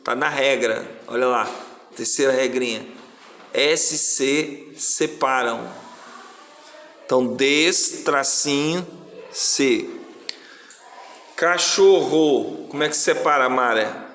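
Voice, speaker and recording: A man's voice: medium pitch, takes it slowly, bright, forceful tone. A male teacher with a Brazilian Portuguese accent, patiently explaining a lesson and drawing out syllables. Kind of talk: slow classroom explanation. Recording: echoey room, faint noise.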